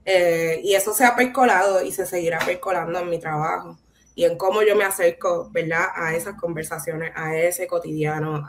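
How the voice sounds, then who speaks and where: Puerto Rican woman, conversational artist talk. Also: fairly low pitch. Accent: Puerto Rican Caribbean Spanish. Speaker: visual artist, guest speaker.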